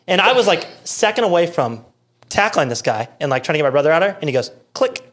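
A man with an American accent, a podcast guest, telling a story in casual, animated chat with lots of fillers and quoted voices. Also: on the high side, fast.

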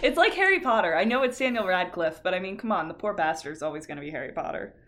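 A woman of about twenty-nine speaks in a lowish, raspy voice full of vocal fry. She chats casually as a podcast co-host, blunt and free with swearing. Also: lively intonation, fast talker, fairly bright tone. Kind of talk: casual chat.

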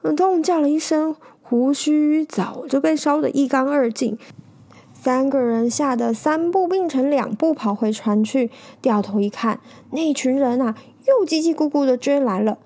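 A woman narrating a storybook tale in a lively, animated read-aloud voice, with small fillers. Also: sits high, measured pace.

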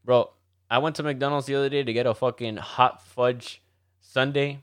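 A man's voice: mid-range voice, fairly even intonation, normal speed, clear, resonant tone. A man with a Miami Cuban accent co-hosting a casual chat, joking and switching between English and Spanish. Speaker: podcast co-host.

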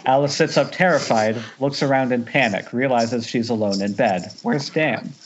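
During a casual table read conducted over a group Skype call, a man of medium pitch and moderate pace reads out the screenplay directions. He sometimes stumbles and restarts, and the call audio is dull and noisy.

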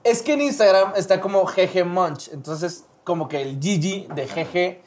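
A Mexican man in his twenties, a guest telling stories in a relaxed, joking way. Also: high-pitched, normal speed. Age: 20s. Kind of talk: casual chat. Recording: crowd chatter behind.

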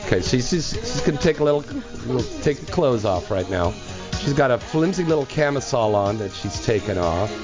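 A man's voice: mid-range voice, lively intonation, brisk. A man hosting a casual adult talk-radio show, effusive and repeating himself. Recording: dull lo-fi audio with music behind.

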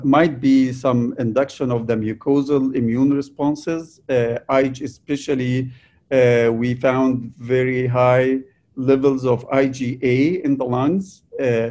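A young man from Egypt answering interview questions about his vaccine research, halting often with fillers and restarts. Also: mid-range voice, darkish tone, highs cut off. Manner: hesitant, many fillers and restarts.

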